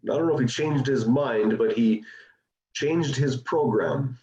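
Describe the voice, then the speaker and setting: A man in a small congregation reading a verse aloud and musing on it slowly. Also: medium pitch, dark tone, dull audio.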